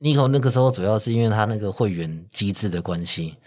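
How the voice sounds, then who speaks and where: Fast-talking Taiwanese man, low-pitched. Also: lively intonation, a little mellow. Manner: talkative, peppers speech with English gamer terms. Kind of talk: casual chat.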